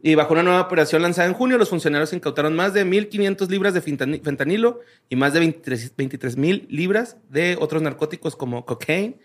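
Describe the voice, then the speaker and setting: A man's voice: a little high, quick pace, few pauses. A man with a Mexican accent hosting a casual podcast, reading strange news stories aloud in a slangy, laid-back way. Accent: Mexican Spanish.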